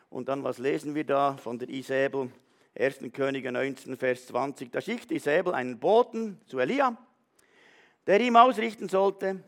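A man's voice: high voice, vocal fry. A man preaching a sermon, retelling a story with animation and speaking straight to the congregation. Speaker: pastor.

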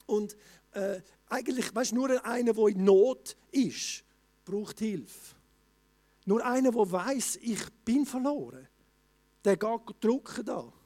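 A man with a voice that sits high preaches a sermon colloquially. He often restarts sentences and rises to loud exclamations.

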